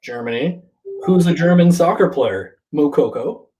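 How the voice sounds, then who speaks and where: A young Canadian man co-hosting a casual live stream, bantering in a lively, insistent way. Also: a little high, normal speed, poor audio. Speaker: co-host.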